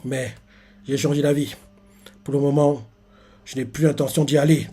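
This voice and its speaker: A man voicing a calm, weary adult male pirate captain in a low, quiet, flat delivery. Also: moderate pace, husky, faint music behind, lightly acted.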